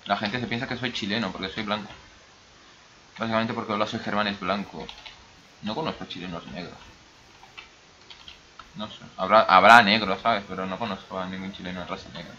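Fairly quick yet pausing often, this gaming YouTuber from the Basque Country has a lowish voice with fairly even intonation and an accent mixing Basque and Brazilian Spanish. He chats in a rambling way about his gameplay, sometimes to himself, over background noise with the highs cut off.

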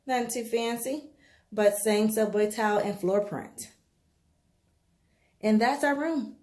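A woman narrating a casual travel vlog with a handheld camera, chatty and relaxed, moving through a hotel room and city streets. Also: on the high side, slow. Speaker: vlogger. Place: hotel room, streets and shops, indoors and outdoors.

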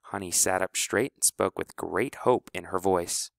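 A man narrating an audiobook in a measured, even storytelling manner. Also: low-pitched, gravelly, no echo, clean studio sound.

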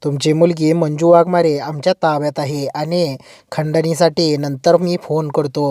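A woman's voice: deep voice, warm tone, no room sound, clean studio sound, natural voice. A woman voicing a male kidnapper who barks threats down the phone. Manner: barking orders, menacing.

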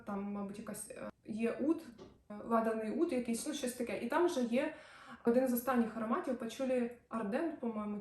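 A woman's voice: on the high side, darkish tone. A woman vlogging about perfumes, talking to camera in a chatty, enthusiastic way with trailing asides. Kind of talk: casual review chat to camera. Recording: echoey room, distant mic.

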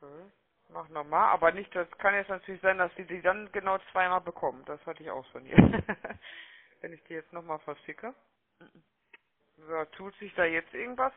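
Heard over a muffled, narrow-band telephone line, a man with a notably high voice makes a sales call as a call-centre agent. He comes across as chummy and wordy, frequently adding small questions to his sentences.

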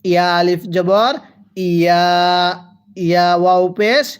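A woman with a Bangladeshi Bengali accent teaching Quran letter reading, drilling slow call-and-repeat syllables for her class. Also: lowish voice, clean tone. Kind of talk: slow drilled recitation lesson.

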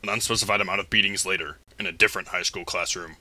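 Deep, forceful man narrating. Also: fairly even intonation, fast, no echo. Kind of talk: mock-solemn scripted cartoon narration.

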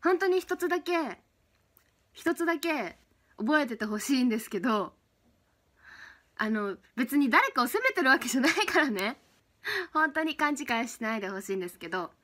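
A woman's voice: fairly high pitch, a bit bright. A young woman hosting her own livestream, chatty and giggly, thanking viewers one by one. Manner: chatty, giggly, reads out fan names and thanks. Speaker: idol livestream host. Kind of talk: casual livestream chat.

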